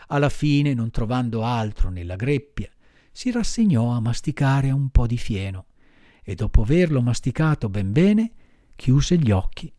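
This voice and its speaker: A man narrating a children's classic audiobook in a measured, expressive way. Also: mid-range voice, dry recording, clean studio sound. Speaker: audiobook reader.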